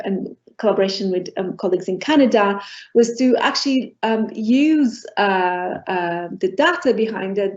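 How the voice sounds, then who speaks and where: A middle-aged woman from Portugal giving an academic lecture as a professor, pausing often on ums and restarting her phrases. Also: medium pitch, darkish tone. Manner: hesitant, many ums and restarts. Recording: dull lo-fi recording.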